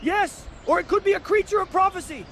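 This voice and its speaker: Whimsical fantasy-comedy mystic, extremely high voice, theatrical and grandiose, faint noise behind. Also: male voice, brisk, sharp tone, heavily acted. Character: whimsical, grandiose eccentric mystic who reveres spirits and prophecy. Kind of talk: scripted fantasy comedy dialogue.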